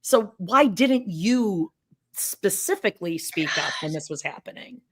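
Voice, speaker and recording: A woman's voice: medium pitch, expressive, unhurried, slightly rough. A woman co-hosting a podcast, chatting casually in a blunt, sarcastic way and swearing freely. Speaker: podcast co-host. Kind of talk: snarky casual watch-along chat.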